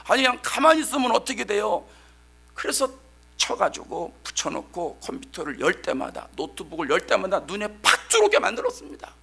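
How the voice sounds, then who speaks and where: Middle-aged pastor guy preaching, high bright voice, emphatic storytelling, gets loud. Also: fairly quick, gravelly, slightly rough. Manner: animated storytelling; emphatic, sometimes shouting. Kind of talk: sermon.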